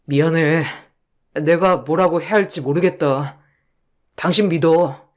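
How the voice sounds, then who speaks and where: A worn-out husband who speaks in a gentle, apologetic tone. His lines come slowly and quietly, in the manner of a radio drama. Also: low-pitched. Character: weary, apologetic husband and son.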